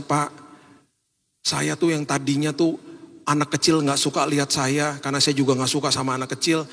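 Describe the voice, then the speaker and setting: A man's voice: a little high, a bit bright, husky. A man preaching a sermon as a pastor, telling stories and acting out the people in them. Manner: storytelling, acts out quoted voices, mixes in English phrases. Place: large church hall. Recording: church hall reverb.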